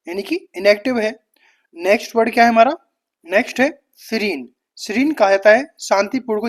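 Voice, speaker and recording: A woman teaching exam vocabulary, briskly listing words and their meanings. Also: medium pitch.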